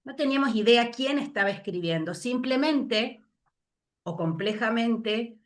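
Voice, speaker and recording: A woman giving an invited talk over a video call, moved and reflective, pausing often with fillers. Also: a little high, expressive. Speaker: invited speaker.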